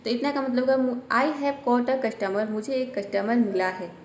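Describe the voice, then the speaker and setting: A woman teaching English word by word, slowly repeating each word with its meaning. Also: a little high, darkish tone, reverberant, slight background noise. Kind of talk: explaining English sentences word by word in Hindi.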